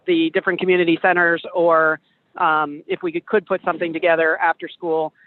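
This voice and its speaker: A woman board member calling in on a speakerphone from her car while driving. She asks her questions politely, pausing often to find her words. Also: fairly low pitch, dry recording. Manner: polite, hesitant, many filler pauses. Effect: car speakerphone call while driving. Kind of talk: remote meeting questions. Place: in a moving car. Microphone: phone speakerphone. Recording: tinny dry phone line from a car.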